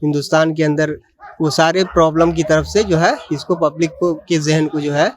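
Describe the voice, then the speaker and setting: A member of the public, interviewed on the spot, gives his opinion emphatically and repetitively while leaning on a filler phrase. His voice is slightly high, his tone steady and his pace moderate.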